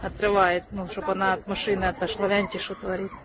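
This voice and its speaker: Indignant man, high. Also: monotone, fairly quick. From Ukraine. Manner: indignant, pointing things out. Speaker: bystander filming. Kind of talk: live street commentary. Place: outdoor street. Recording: loud crowd street noise.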